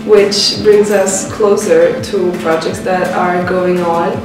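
A woman's voice: on the low side, steady tone, slow. A young woman from France, a third-year architecture student describing her school day in a matter-of-fact way. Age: young adult. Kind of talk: casual interview. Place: architecture studio indoors. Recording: very echoey room from a distance, music over.

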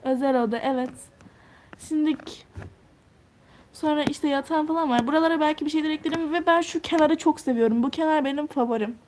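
Teen girl streamer, high-pitched, casual and chatty, thinks out loud while reading comments. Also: fairly quick, slight background noise. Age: teens. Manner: chatty, answers viewer comments one by one; thinks out loud while touring a game house. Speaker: live streamer.

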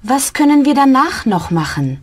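A woman voices a courteous young learner putting simple questions in a slow scripted dialogue for a language course. Her breathy, fairly high voice moves with lively intonation at normal speed, and the performance is heavily acted.

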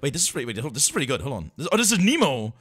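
His mid-range voice has a breathy edge and comes out rapid-fire over faint background music. Hosting a livestream, he greets viewers in a casual, jokey, excitable way, repeating himself frequently.

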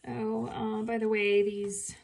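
Chatty woman with a gravelly voice. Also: fairly high pitch, flat delivery, slow, a little mellow. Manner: chatty, muttering asides to herself. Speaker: art video creator. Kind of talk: casual painting demonstration.

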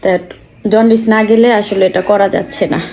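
A woman's voice: medium pitch, steady tone, moderate pace, gravelly, slight background noise. A young woman from Bangladesh chatting casually to her viewers in a home vlog. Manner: chatty, talks softly to her child. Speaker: vlogger.

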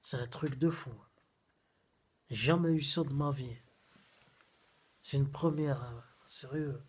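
A man's voice: mid-range voice, slow, husky. A man in his thirties rambling in a casual food-review vlog. He talks in slang and keeps repeating himself, filmed on a phone. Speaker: vlogger. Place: small room at home, then a busy fast-food restaurant. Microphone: phone camera at arm's length, then propped on a table.

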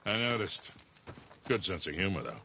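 An actor playing a dry, gruff, world-weary old smuggler in his sixties in a video game. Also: sits low, very animated, normal speed. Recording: loud boat engine noise behind.

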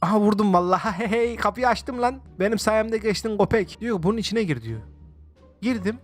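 A man excitedly commenting on his own gameplay, exclaiming often and chatting to his viewers as he plays. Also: high-pitched, brisk, faint music behind. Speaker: gaming video host. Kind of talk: let's-play game commentary.

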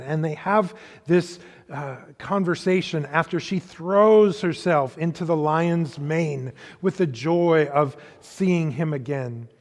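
A male pastor preaching a sermon in a church, retelling a story slowly and deliberately with pauses. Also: fairly high pitch, big-room sound. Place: church sanctuary.

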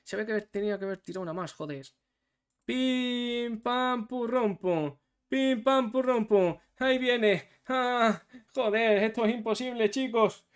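A man, commentating his own match live as a gaming streamer, excitable and swearing, going from low mutters to shouts. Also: measured pace, clear, resonant tone.

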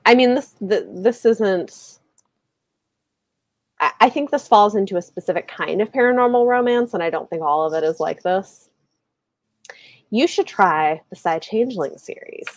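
Speaking through earbuds on a live video call, this woman in her thirties, a book channel host, talks casually about books from a small room with bookshelves. Her mid-range voice keeps a measured pace with long pauses, and there's no echo; she hedges a lot and frequently says "like."

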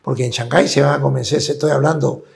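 Gravelly man explaining at length. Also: medium pitch, fairly even intonation, quick pace. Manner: explanatory, tags points with "¿no es cierto?". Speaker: interview guest. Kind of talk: conversational interview.

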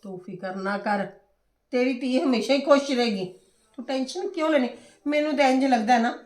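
Brief: woman as a confident, bossy older sister-in-law, higher voice, forceful and soothing, roomy echo. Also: moderate pace, close to an everyday voice. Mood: reassuring. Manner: forceful and reassuring, talks down fears. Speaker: elder sister-in-law in a family drama. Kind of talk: amateur family drama acting.

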